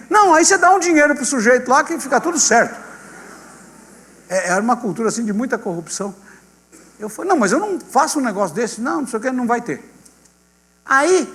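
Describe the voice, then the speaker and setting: A male pastor with a Brazilian accent tells a testimony from the pulpit, voicing each person in the story with lively turns. His voice sits high for a man and rings out with a long hall reverb. A low mains hum runs underneath. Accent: Brazilian Portuguese. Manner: animated storyteller acting out dialogue, addressing congregation as "gente".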